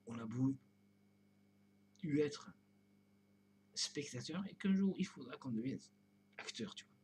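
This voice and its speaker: A man's voice: mid-range voice, a little hiss or hum. Rambling man who drifts into whispers. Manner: drifting, repeats "tu vois", often drops to a whisper. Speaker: video blogger. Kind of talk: rambling spiritual monologue.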